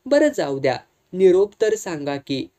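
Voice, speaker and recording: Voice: medium pitch, very animated, a little slow, warm tone. A reader voicing a worried, earnest young clerk full of questions. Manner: anxious questioning.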